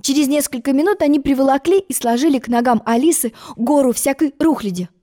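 A woman reading a children's story aloud in an expressive storytelling manner. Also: sits high, quick pace.

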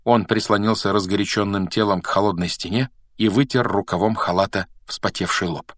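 A man narrating an audiobook in an expressive, measured way. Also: lowish voice, dry recording. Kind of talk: scripted narration.

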